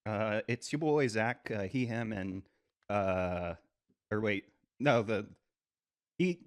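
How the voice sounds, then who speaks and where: A man playing in a tabletop game who stumbles through his introduction in casual banter. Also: fairly low pitch. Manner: slow, stumbling self-introduction. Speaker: player.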